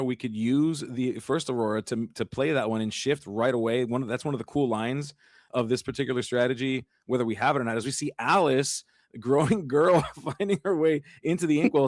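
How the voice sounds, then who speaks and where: Excitable man casting a card game. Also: medium pitch, no echo. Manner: excitable, chatty, laughs often. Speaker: caster. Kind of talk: live card game commentary.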